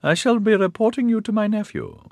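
A man's voice: high voice, animated, a little fast, creaky, dry recording, pitched above the performer's own voice. A man voicing a haughty, imperious old woman with a wavery voice, scolding indignantly. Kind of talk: audiobook character voice.

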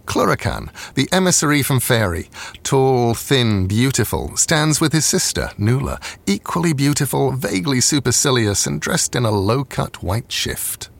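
A man's voice: medium pitch, very animated, moderate pace, creaky. A man narrating an audio drama in a scripted, literary storytelling style. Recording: music behind the voice.

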